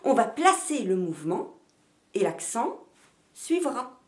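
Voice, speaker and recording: Lively teacher in an echoey room. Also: female voice, on the high side, takes it slowly. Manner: demonstrative, rhythmic, sounding out syllables. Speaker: language teacher. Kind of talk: pronunciation lesson.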